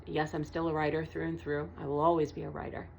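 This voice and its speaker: A woman's voice: deep voice, little pitch movement, fast talker, gravelly, darkish tone, a little hiss or hum. A woman tarot reader delivering a channeled message in an earnest, emphatic monologue, repeating her points and swearing casually. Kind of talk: spiritual vlog monologue.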